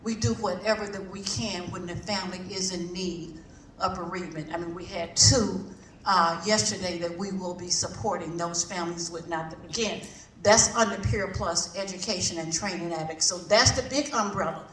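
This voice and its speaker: A woman representing a community organisation gives an informal public address to a group, speaking colloquially and emphatically and repeating phrases for effect. Her voice is fairly low and a bit bright, at a moderate pace. The sound is echoey, from a distant mic with background noise.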